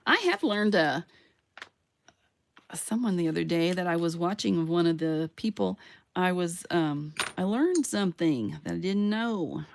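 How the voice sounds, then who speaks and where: A woman's voice: lowish voice, lively intonation, a little slow, creaky, slight background noise. A woman hosting a casual crafting tutorial, chatting to herself and her viewers as she works, with playful sound words and little self-cheers. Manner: chatty, talks to herself while working. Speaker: craft channel host.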